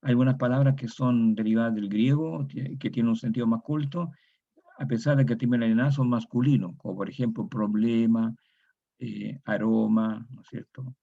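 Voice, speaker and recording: A man's voice: mid-range voice, steady tone, normal speed, creaky, phone-quality sound. A Chilean man giving a methodical lecture, repeating each example word and adding tag questions. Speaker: university lecturer. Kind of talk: recorded online lecture.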